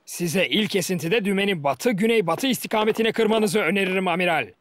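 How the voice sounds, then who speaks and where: A man voicing a blunt, defiant male ship captain in a dubbed cartoon, speaking forcefully. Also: sits high, fairly quick, no room sound. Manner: forceful, confrontational. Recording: music behind the voice.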